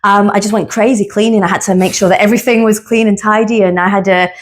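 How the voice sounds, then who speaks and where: Woman guest, psychotherapist, candid and earnest, mid-pitched voice, steady personal storytelling. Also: fast talker. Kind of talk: personal reflective conversation.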